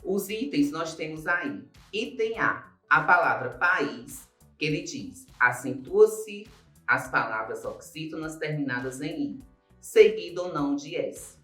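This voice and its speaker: On the high side, expressive, bright and forceful, this man's voice carries a Brazilian Portuguese accent as he gives a recorded Portuguese grammar lesson. He explains slowly, one step at a time, repeating the main points and elongating emphasized words, with a roomy echo and faint music behind.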